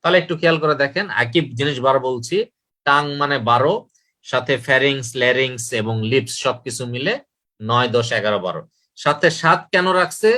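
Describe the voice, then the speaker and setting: A man's voice: mid-range voice, brisk, pushed and bright. A man giving a medical lecture, repeating key points and asking questions he then answers himself. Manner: repetitive, asks and answers own questions.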